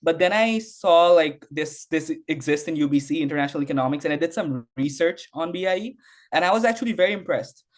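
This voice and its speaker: A young Bangladeshi university student answers interview questions casually, rambling with heavy use of "like", fillers and frequent restarts. His voice is fairly high, with lively intonation and a brisk pace.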